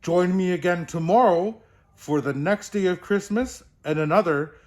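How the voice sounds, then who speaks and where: A man's voice: sits high, darkish tone, slight background noise, voice pushed up, close to an everyday voice. A man playing a jolly old Santa Claus, telling children's stories in a hearty, theatrical manner. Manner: slow, hearty, theatrical delivery. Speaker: storyteller host. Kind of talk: cheerful children's storybook reading.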